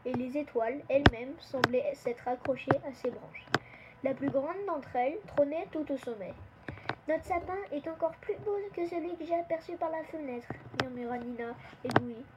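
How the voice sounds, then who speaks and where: A woman reading a children's Christmas story aloud in a gentle, expressive storytelling manner. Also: high voice. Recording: dull lo-fi with clear background noise.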